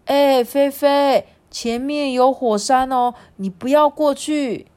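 A woman voicing a kind little pterosaur classmate in a children's storybook, gentle and caring. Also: high voice, takes it slowly, pitched above the performer's own voice. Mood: warning. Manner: gentle, warning, soothing.

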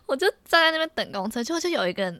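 A young woman tells everyday stories on a podcast, her bright voice rising and falling freely. She laughs often and restarts her sentences as she goes. The sound is dry and close. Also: high voice, sing-song, racing, no echo. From Taiwan. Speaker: podcast co-host. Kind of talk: casual storytelling chat.

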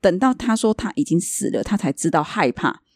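Quick chatty podcast host telling a ghost story, does the voices of people in it, dry close sound. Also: mid-range voice, dry recording. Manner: lively retelling, acting out quoted dialogue. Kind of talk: casual storytelling chat.

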